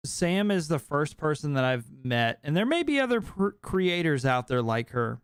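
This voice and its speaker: A tired young man hosts a late-night podcast chat, rambling candidly and cursing often. His voice is smooth and crisp, recorded close and dry with no room sound. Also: on the high side, sing-song, a little slow, no room sound. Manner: rambling, candid, swears freely. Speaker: podcast host.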